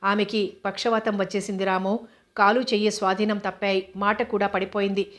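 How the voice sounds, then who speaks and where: A woman voicing a calm, grave male doctor with a measured manner. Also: medium pitch, lightly acted.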